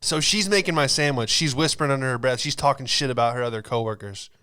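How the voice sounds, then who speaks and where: A podcast host with an American accent, in his late twenties, tells funny stories quickly in a casual, slangy, rambling manner. His medium-pitched voice is smooth, pushed and bright.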